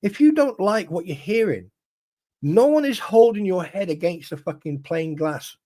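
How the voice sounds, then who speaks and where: Emphatic man, higher voice. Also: animated, moderate pace, mellow. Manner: emphatic, swears, many restarts. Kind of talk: casual livestream chat.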